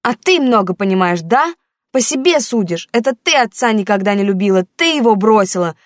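A woman's voice: mid-range voice, animated, brisk, dry recording, studio quality, pitched above the performer's own voice, natural voice. Woman voicing a defiant teenage girl. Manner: shouting, accusing, on the verge of tears.

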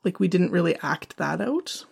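Creaky-voiced woman in casual chat. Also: on the low side, expressive, moderate pace.

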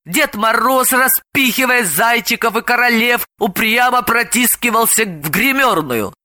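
A woman narrating an audiobook, expressive and switching voices for the characters. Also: fairly high pitch, measured pace, no room sound, clean studio sound.

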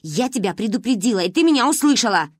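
A woman's voice: high-pitched, big pitch swings, fairly quick, husky, dry recording, clean studio sound, pitched above the performer's own voice, full character voice. A woman playing a stern, irritable older sister. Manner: menacing, clipped warnings.

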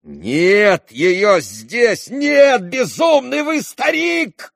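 A man doing an angry sharp young man. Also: high-pitched, lively intonation, slow, no echo, clean studio sound, pitched above the performer's own voice. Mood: furious. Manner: angry shouting.

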